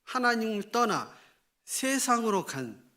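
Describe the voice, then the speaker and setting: A male pastor delivers a Sunday sermon in a bright, fairly high voice that swings widely in pitch. He reads scripture at a slow, measured pace. He then bursts into animated exclamations and puts rhetorical questions to his listeners. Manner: asks the congregation rhetorical questions.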